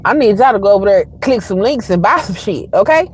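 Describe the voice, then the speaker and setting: A woman's voice: mid-range voice, lively intonation, fast, a little hiss or hum. A middle-aged woman with a Southern drawl, hosting a casual livestream and talking straight to her viewers in a chatty, sassy way. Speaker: livestream host.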